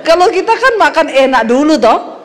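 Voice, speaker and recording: A middle-aged woman pastor from Sulawesi preaches with a high voice. She tells comic stories to a congregation, acting out the quotes and laughing often. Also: sing-song, moderate pace. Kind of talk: humorous sermon.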